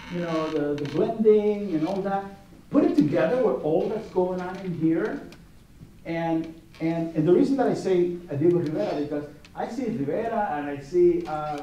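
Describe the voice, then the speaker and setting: This high-pitched, mellow-voiced man is an art competition juror giving an informal gallery talk with frequent restarts and anecdotal tangents. It's captured on a distant mic with roomy echo and faint background noise.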